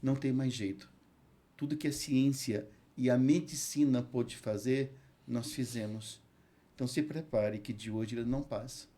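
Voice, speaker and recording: Warm-voiced Brazilian pastor telling a story. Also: male voice, medium pitch. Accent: Brazilian Portuguese. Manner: earnest storyteller, recites scripture slowly. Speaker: pastor, hospital chaplain. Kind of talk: emotional testimony in a podcast interview.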